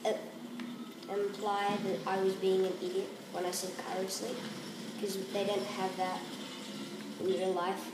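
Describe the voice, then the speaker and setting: A woman's voice: medium pitch, level tone, unhurried, pauses often. A woman chatting playfully with a friend while playing a shooter game, cracking jokes and repeating lines in a sing-song way. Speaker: co-host of a gaming podcast. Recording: roomy echo, far from the mic, noisy.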